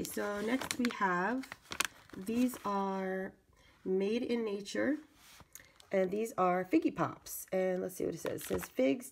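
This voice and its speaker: A woman hosting a casual unboxing video, with a raspy voice congested from a cold, pausing as she reads and comments. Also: medium pitch, slight background noise. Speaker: video channel host. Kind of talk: casual product unboxing narration.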